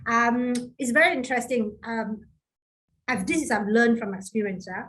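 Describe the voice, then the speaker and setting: A middle-aged woman moderating a panel discussion, calling on speakers by name and briskly moving the talk along. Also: a little high, a bit bright, low-quality recording.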